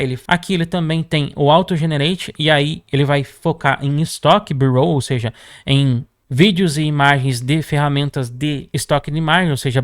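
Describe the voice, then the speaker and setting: A Brazilian man walking viewers through a software tutorial, constantly checking in with "tá?" as he clicks through features. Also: a little high, dry recording, clean studio sound. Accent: Brazilian Portuguese. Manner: brisk, peppers sentences with "tá?" and "ó". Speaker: tutorial host. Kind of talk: screen-recorded software tutorial.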